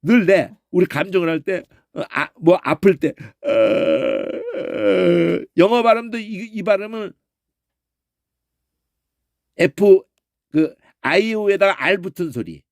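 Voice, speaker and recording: A middle-aged man giving an informal pronunciation lesson, demonstrating sounds aloud and checking in with quick questioning grunts. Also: sits high, expressive, dry recording, clean studio sound. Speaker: Bible language teacher.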